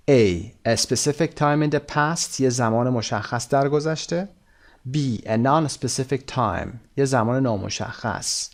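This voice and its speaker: A man teaching a recorded English course in Persian. He reads each English instruction slowly and deliberately, then explains it at a brisk pace. His voice sits at an ordinary middle pitch. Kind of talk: recorded textbook lesson.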